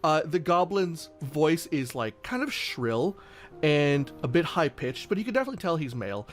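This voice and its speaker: A man narrating as game master in a tabletop game, rambling along with lots of ums and likes. His voice sits a little high for a man, with faint music behind him. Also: sing-song, normal speed.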